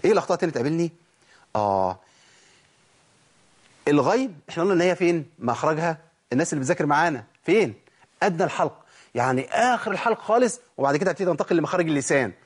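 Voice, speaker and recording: A man's voice: a little high, expressive, rapid-fire, pauses often, slightly rough. An Egyptian man teaching Quran recitation, asking rhetorical questions and answering them himself, and drawing out letter sounds in repeated demonstrations. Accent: Egyptian Arabic. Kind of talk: recorded recitation lesson.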